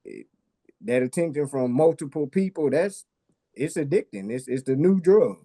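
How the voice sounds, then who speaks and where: Man, mellow warm tone, drawling slangy panel chat. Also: on the high side, expressive, moderate pace.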